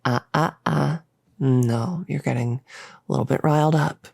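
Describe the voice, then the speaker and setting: Here the same kind of role, a bossy but gentle cultist experimenter in a roleplay audio drama, comes through a creaky mid-range voice that is unhurried, coaxing, hesitant and rambling, sounding firm and smug. The audio is studio quality with no echo.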